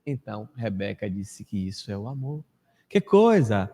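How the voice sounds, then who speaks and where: A Brazilian man in his fifties giving a storytelling lecture to a live audience, acting out quoted people and dropping to a hush at times. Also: very animated, moderate pace, slightly rough. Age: 50s. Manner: anecdotal, acts out quoted people with big pitch swings, drops to a hush. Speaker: spiritist lecturer. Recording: echoey hall reverb.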